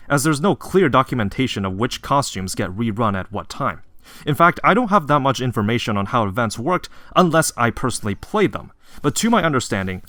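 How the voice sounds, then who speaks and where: A man reading scripted video narration as a game reviewer, in an earnest, measured and apologetic manner. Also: medium pitch, fairly bright tone.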